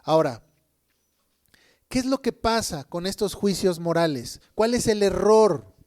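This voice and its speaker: High-voiced preacher man. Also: expressive, measured pace. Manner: emphatic, asks listeners "¿sí?" often; says people think he is shouting. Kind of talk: sermon.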